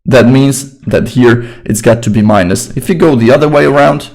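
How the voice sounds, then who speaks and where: A man's voice: medium pitch, moderate pace, creaky, a little mellow, rough recording. A young man with a Slovak accent, teaching English grammar in an informal, chatty online lesson and repeating his phrases.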